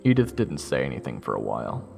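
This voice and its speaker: In an audio drama, a man plays a weary, sarcastic young soldier telling his own story, wry and exasperated in a casual first-person way. He uses a bass voice with huge pitch swings, fast delivery and vocal fry, heavily acted over background music.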